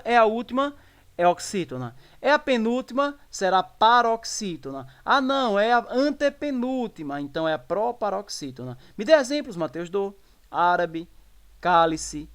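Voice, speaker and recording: A man with a Brazilian Portuguese accent teaching an exam-prep spelling lesson. He checks in often with the listeners and asks and answers his own questions. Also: high voice. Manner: explanatory, repeats checks like "tá bom?".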